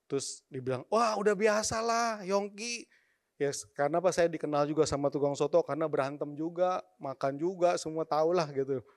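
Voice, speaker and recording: Brief: man in his forties, church testimony, animated storyteller, speaks to the crowd directly. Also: fairly high pitch, quick pace, hardly any pauses.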